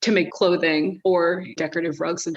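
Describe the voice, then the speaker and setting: A woman hosting an interview, speaking in a measured, reflective way. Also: fairly low pitch, fairly even intonation. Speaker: podcast host. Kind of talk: interview conversation. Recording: dull lo-fi sound.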